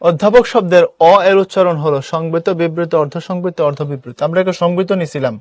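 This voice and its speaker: A man's voice: a little high, quick pace, a little mellow, no echo. A young man teaching an online class, explaining step by step and repeating key words as drills.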